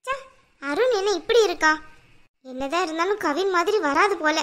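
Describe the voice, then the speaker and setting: A woman's voice: extremely high pitch, lively intonation, moderate pace, fairly bright tone. A woman doing a stern domineering mother-in-law. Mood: grumbling. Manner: scolding, commanding. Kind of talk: cartoon voice acting.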